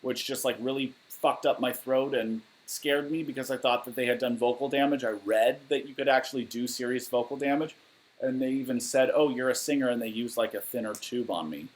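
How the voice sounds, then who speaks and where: A man's voice: mid-range voice, a little fast, rough recording. A man in his thirties from Southern California, casually reading out and answering viewer questions on a livestream in his living room, candid and rambling with fillers. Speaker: musician livestreaming Q&A. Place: living room at home, indoors. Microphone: webcam or laptop mic at desk.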